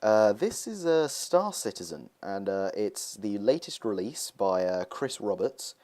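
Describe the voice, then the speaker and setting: A man's voice: on the low side, very animated, measured pace, darkish tone. A young man talking casually over gameplay footage, rambling with lots of hesitations as he hosts his gaming video.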